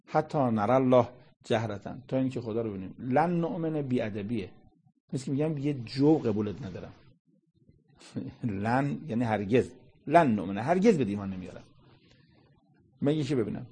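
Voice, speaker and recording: Husky-voiced man giving a religious lecture. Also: mid-range voice, animated, dark tone. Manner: colloquial explaining, quoting Arabic verses. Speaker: Quran commentator.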